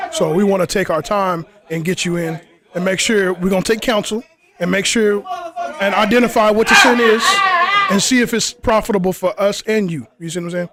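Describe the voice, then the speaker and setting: A man's voice: high-pitched, background noise. A man hosting a casual outdoor podcast interview, who keeps tossing in "you know what I'm saying" as he talks. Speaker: interviewer and group leader. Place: outdoors in the cold.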